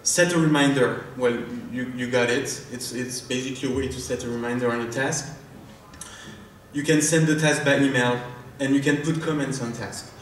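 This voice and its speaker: With fairly even intonation and a medium pitch, a man from France speaks at normal speed in a French accent. As a startup founder demoing a product live on stage, he's hesitant, filling and restarting often. The large conference hall comes through echoey and distant, with faint noise.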